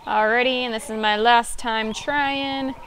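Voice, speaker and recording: A woman's voice: on the high side, fairly even intonation, a little slow. A woman giving casual, playful commentary on her own gameplay, swearing often and slipping into a sing-song voice. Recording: loud game noise behind.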